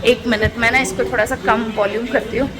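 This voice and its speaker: A woman's voice: a little high, fairly even intonation, brisk, over music. A young woman chatting casually in a home vlog, talking to her viewers about her day. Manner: chatty, switching to sing-song baby talk with her toddler. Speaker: vlogger. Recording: noisy home recording.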